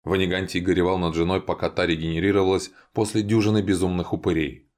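Deep-voiced male storybook narrator. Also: little pitch movement, fast talker, a little mellow. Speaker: audiobook narrator. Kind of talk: fantasy audiobook narration.

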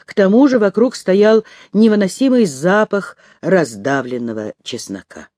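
A man's voice: sits high, animated, a little slow, a little mellow, dry recording, clean studio sound. Man reading a tense first-person audiobook. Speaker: audiobook reader.

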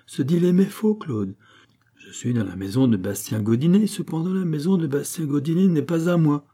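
A man's voice: on the high side, expressive, normal speed, warm tone, voice pushed up. A man voicing a boastful young villager who lectures his neighbours in an emphatic, pompous way. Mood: lecturing. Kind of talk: audiobook character voice.

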